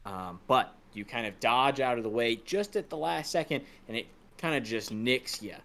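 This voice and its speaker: A man's voice: medium pitch, normal speed, fairly bright tone, a little hiss or hum. A man narrating as dungeon master of a tabletop game, casual and rambling, with lots of fillers.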